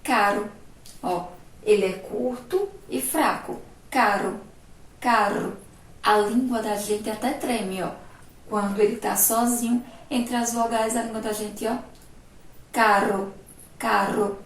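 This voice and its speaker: Slow patient Brazilian teacher woman. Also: on the high side, reverberant, recorded from a distance, poor audio. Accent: Brazilian Portuguese. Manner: slow, patient, explains step by step with rhetorical questions. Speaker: primary school teacher. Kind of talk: remote classroom lesson.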